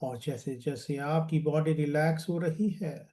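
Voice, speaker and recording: This meditation coach's voice is warm and somewhat high. He leads a guided relaxation with calm, unhurried delivery, echoing his own phrases and allowing them to fade away.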